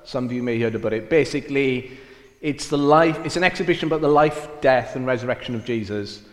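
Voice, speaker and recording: Here a mission field director, a middle-aged man from Wales, talks fast in a mid-range voice with a Welsh accent mixed with Cockney. During a church interview he is self-deprecating and leans on many fillers. The sound is echoey, with the long reverb of a church hall.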